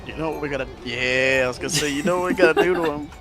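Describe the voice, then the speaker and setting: A young man chats casually with a teammate mid-game, his voice on the high side and very fast. He sounds relaxed and loose, packing his speech with filler words, while game music plays under him.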